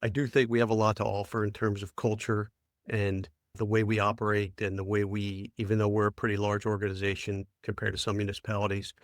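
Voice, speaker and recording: A man's voice: lowish voice, little pitch movement, fairly quick, no room sound, studio quality. An American man in his fifties, a township manager speaking plainly and steadily in a roundtable discussion. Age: 50s.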